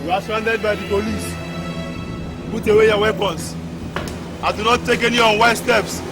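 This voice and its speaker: A man's voice: high-pitched, steady tone, normal speed. A man with a Nigerian accent playing a police officer barking orders through a megaphone, with tense music behind. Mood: commanding.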